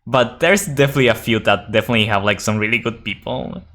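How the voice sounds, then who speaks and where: A man's voice: fairly low pitch, quick pace, a bit bright. A young man streaming a game, chatting casually with viewers and reading the game's text aloud, rambling and restarting his sentences and swearing now and then.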